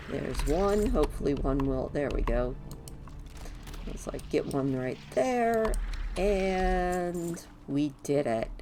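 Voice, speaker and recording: Female gaming guide, fairly low voice, informal and anecdotal commentary, light noise behind. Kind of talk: casual gameplay commentary.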